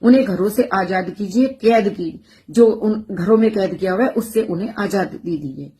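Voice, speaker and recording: A woman educator speaking passionately in a monologue, forceful and rhetorical, repeating her phrases for emphasis. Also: mid-range voice, normal speed, slight background noise. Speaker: educator and social media speaker. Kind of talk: impassioned monologue to camera.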